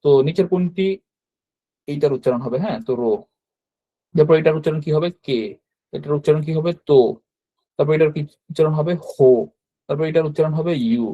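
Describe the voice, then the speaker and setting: A man teaching a language class over a video call, explaining quiz answers with frequent fillers and quick self-corrections. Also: a little high, narrow, tinny audio. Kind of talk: online class lesson.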